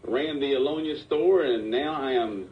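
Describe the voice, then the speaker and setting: A man's voice: medium pitch, moderate pace. Upbeat man, 40s, radio guest; hollow barrel-like sound, distant from the mic. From Georgia, US. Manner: upbeat and eager. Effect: muffled and hollow, as if inside a barrel. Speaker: supermarket manager, radio guest. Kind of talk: radio interview.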